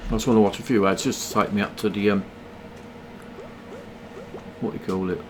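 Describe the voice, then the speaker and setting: A man's voice: lowish voice, fairly even intonation, brisk, a little hiss or hum. A tired man, mocking the ads he watches during a late game stream. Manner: sarcastic, mocking. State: tired, yawning. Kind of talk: casual live-stream commentary on ads.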